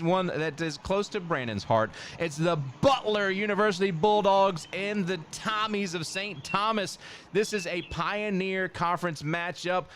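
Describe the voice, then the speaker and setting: A man hosting a casual sports talk show, reading stats and quickly adding his own asides. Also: fairly high pitch, fairly bright tone, slight background noise. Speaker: show host.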